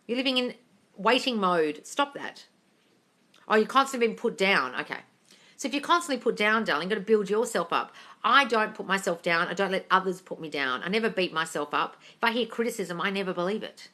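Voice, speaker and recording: A woman from England with a medium-pitched, sharp-toned voice hosts a casual livestream on her phone. A manifesting coach, she reads viewers' comments aloud and answers bluntly, calling them darling and swearing freely.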